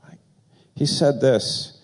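A male pastor preaching a sermon in a church, earnest and halting, with many fillers and sudden excited rises.

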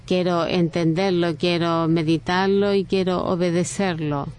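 A woman preaching a sermon at an unhurried pace, her voice smooth and clear. She speaks earnestly, in a low, fairly even tone, pausing and restarting as she works through her thoughts. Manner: slow, earnest, with frequent restarts and pauses.

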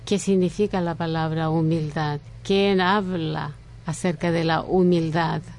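A woman preaching a sermon in slow, earnest phrases with frequent pauses and restarts. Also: low voice, fairly even intonation, a little mellow, a little hiss or hum.

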